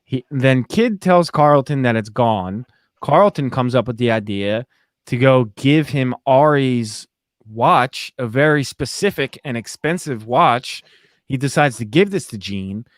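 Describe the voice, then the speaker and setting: A man's voice: mid-range voice, a little slow, dry recording, studio quality. A young man hosting a podcast, casually and animatedly recapping a TV episode and acting out lines. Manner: animated, recaps plot with quoted voices. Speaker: podcast host. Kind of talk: casual podcast review chat.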